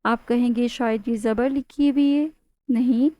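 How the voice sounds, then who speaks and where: A woman's voice: a little high, fairly even intonation, dark tone. A woman teaching a Tajweed lesson, explaining patiently step by step, asking her students questions and stretching out example words with a nasal hum. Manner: draws out demonstration words with nasal humming. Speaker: Quran recitation teacher.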